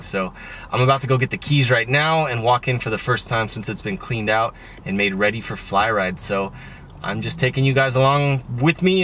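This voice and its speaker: A man's voice: medium pitch, bright, forceful tone, slight background noise. A young man chatting casually to the camera in an informal, easygoing way as a vlogger. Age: young adult. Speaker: vlogger, automotive lighting shop owner. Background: music.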